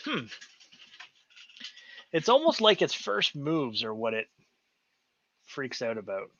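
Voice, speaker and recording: A man's voice: medium pitch, wildly swooping pitch, takes it slowly, fairly bright tone, slight background noise. A man co-hosting a casual live stream, thinking aloud as he troubleshoots a build. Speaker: livestream co-host building a 3D printer. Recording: dull lo-fi stream audio.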